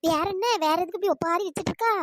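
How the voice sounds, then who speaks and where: A nosy friend, very high and quick. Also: noisy background. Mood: coaxing. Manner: questioning, cajoling, quick. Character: nosy village woman friend, coaxing and defensive. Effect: pitch-shifted voice. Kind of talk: cartoon storytelling voice acting.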